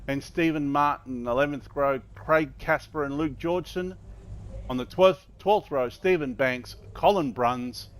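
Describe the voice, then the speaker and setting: A man's voice: fairly high pitch, measured pace, clean tone. A man calling a motor race live as a commentator, running through drivers and the action.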